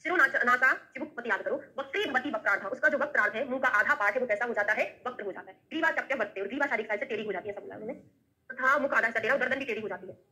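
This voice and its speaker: Rapid-fire woman teaching a lecture. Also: fairly high pitch, sharp tone, rough recording. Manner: rapid, explains with questions and Sanskrit verses; frequent tag questions like "hai na". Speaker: Ayurveda teacher. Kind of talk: classroom lecture to students.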